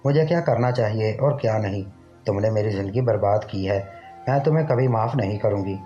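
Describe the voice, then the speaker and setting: A man's voice: lowish voice, brisk, warm tone, soft background music, lightly acted. A man voicing a young wife who is desperate and furious, speaking with an angry, pleading edge on a dull lo-fi recording. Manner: pleading angrily.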